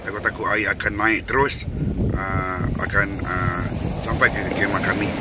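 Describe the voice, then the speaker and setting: A man's voice: fairly low pitch, heavy background noise. A man in his forties with a Malaysian Malay accent, vlogging casually outdoors at a beach campsite into a phone held at arm's length, hesitant with many fillers. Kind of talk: casual vlog narration.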